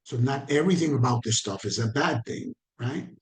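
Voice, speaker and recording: Leading a training over a video call, a man with a Caribbean Spanish accent speaks at a mid-range pitch and a fairly quick pace. His loose, conversational style includes questions to the audience and repetition for emphasis.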